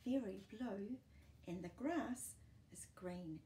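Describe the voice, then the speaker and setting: Reading to young children in a small, book-lined room, this sixties-aged storytime host with a New Zealand accent brings the picture book to life, stopping for chatty comments and questions. She speaks at a medium pitch with a dark tone and takes her time. There's a slight hiss or hum.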